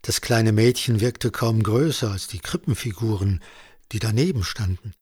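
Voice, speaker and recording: A man reading a story aloud in a calm, measured narration. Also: fairly low pitch, husky, no room sound, clean studio sound.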